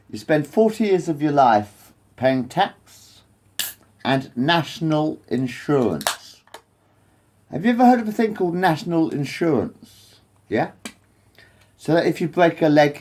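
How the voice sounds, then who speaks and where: Rambling to camera, this man from England in his late forties has a fairly high, slightly mellow voice. He's a vlogger who keeps repeating himself, swears often and wanders away from the point.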